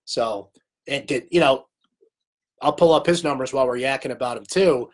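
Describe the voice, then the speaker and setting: Mid-range and moderately paced, this male host keeps his live sports recap stream casual and opinionated. He chats away, reads viewer comments aloud and answers them, all while a cold is stealing his voice.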